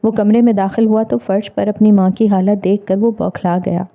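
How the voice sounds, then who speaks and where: A woman narrating a dramatic novel in a measured, expressive storytelling manner. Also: medium pitch, vocal fry. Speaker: audiobook narrator. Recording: tinny phone-like audio.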